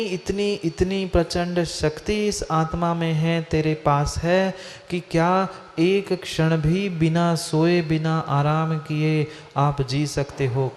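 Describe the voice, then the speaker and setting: A man's voice: fairly high pitch, a little mellow, slight background noise. A man, a monk, giving a Hindi-language religious discourse, asking his listeners questions and repeating phrases for emphasis. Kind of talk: sermon. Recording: hall reverb with faint ambience.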